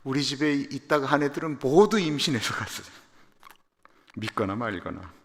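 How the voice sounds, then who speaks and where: Korean-born pastor preaching in a reverberant church hall. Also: male voice, mid-range voice, big pitch swings, normal speed. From South Korea. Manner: storytelling that builds from a quiet confessional tone to loud emphatic proclamation. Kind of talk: personal testimony sermon at a dawn service. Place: church sanctuary.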